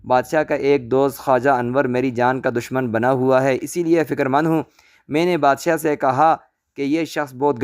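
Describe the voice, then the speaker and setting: A man's voice: medium pitch, smooth, no room sound, clean studio sound, close to an everyday voice. A man voicing a scheming court vizier in a storybook tale, anxious and plotting. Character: scheming frightened male vizier.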